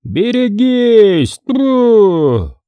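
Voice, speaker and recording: A man's voice: high voice, sing-song, unhurried, dry recording, lo-fi sound, pitched above the performer's own voice. A man doing a brash young smith's helper. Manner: brash, shouting.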